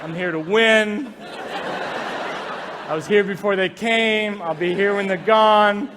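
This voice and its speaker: A smug male house mouse, put on by a man with a lightly raised, high voice, brushing everything off like a roommate who refuses to leave. The tone is casual and dismissive. The recording is noisy, taken from a live stage show. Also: takes it slowly. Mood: defiant. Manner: nonchalant, dismissive.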